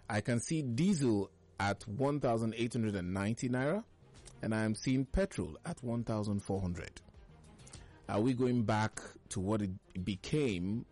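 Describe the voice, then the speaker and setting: A man hosting a morning radio show, reviewing the newspapers in a smooth, chatty radio host delivery with playful, drawn-out emphasis on a studio microphone. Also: lowish voice, darkish tone.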